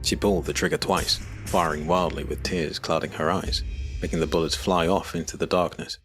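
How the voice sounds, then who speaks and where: Deep-voiced male audiobook narrator. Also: fairly even intonation, a little fast, fairly bright tone, soft background music. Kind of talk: scripted narration.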